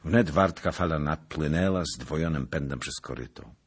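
Very deep, husky male narrator. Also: moderate pace. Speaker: audiobook narrator. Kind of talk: scripted narration of a classic novel.

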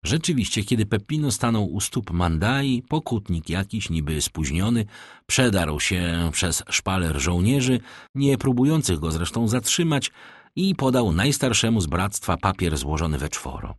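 Husky, lively male storyteller. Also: lowish voice, moderate pace, dry recording, studio quality. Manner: expressive, dramatic storytelling. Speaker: audiobook narrator. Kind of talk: scripted narration of a classic novel.

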